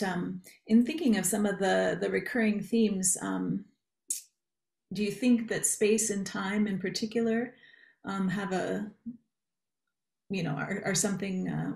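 A woman moderating a video call panel, asking questions in a searching way with many fillers, her voice trailing off softly. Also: medium pitch, gravelly. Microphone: video call webcam. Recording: echoey room on a video call.

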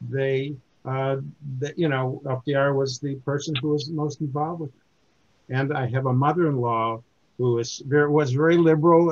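A man in his seventies, born in Germany and raised in the United States, gives an informal book talk to a community group as a reviewer. His pitch is middling, and he speaks haltingly, full of fillers and frequent restarts. The recording is dull and lo-fi.

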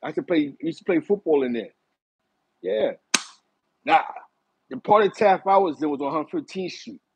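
A middle-aged man from East Harlem with a New York accent, telling stories in a casual chat from a small room, animated and talking with his hands. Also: on the high side, moderate pace, gravelly, dull audio, slight background noise. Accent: New York City. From East Harlem, New York City. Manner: animated, gestures a lot while reminiscing. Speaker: host. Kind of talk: casual storytelling to a live chat. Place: small bright room indoors.

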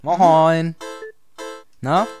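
A man chats through a video game with his friend, fooling around. His voice sits a little high, and he reads on-screen lines in a hammy, theatrical way. Soft game music plays underneath. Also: steady tone, very slow. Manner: joking, reads game text aloud in mock dramatic tones. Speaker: let's play commentator. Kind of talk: casual gaming commentary.

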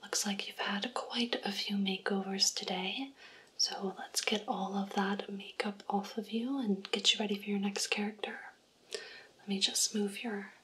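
A young woman in a whispered role-play as a kindly backstage makeup artist, softly whispering close to a microphone in a small room. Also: medium pitch, fairly even intonation, unhurried, lightly acted. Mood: brisk caring. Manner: gentle unvoiced whisper, close to the mic. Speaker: ASMR creator. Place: small indoor room with purple light. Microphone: close studio microphone.

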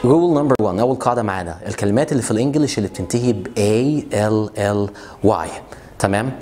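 A man with an Egyptian Arabic accent gives a friendly, lively pronunciation lesson, repeating each word slowly so the viewer can copy it. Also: fairly low pitch, soft background music. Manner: lively, drills words by repeating them slowly; friendly, talks straight to the viewer. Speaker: English teacher.

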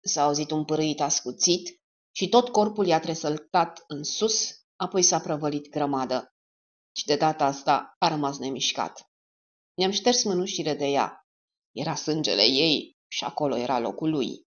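A woman narrating a dark crime audiobook in a steady, measured reading voice. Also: sits low. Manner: steady, measured reading with lively rises and dips. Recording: slightly dull lo-fi recording.

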